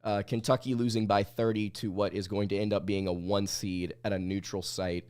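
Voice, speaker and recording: A man's voice: fairly low pitch, level tone, normal speed, darkish tone, clear, resonant tone. A male podcast host giving blunt, opinionated live sports commentary, his voice sounding sick and under the weather.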